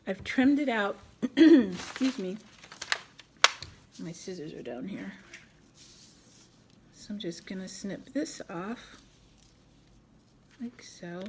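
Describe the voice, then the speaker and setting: A woman's voice: medium pitch, expressive, takes it slowly, pauses often, very noisy. A middle-aged woman hosting a casual crafting tutorial at home, chatting and thinking aloud as she works. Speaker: craft video host.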